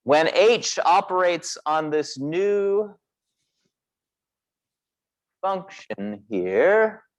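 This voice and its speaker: A high-pitched, animated man teaches physics, drawing out his words as he explains step by step. He asks the class questions throughout this recorded class session.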